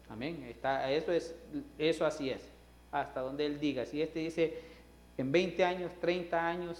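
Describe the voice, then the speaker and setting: A male pastor preaching a sermon, swinging between loud, emphatic lines and soft asides. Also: on the high side. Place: church sanctuary. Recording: roomy church reverb.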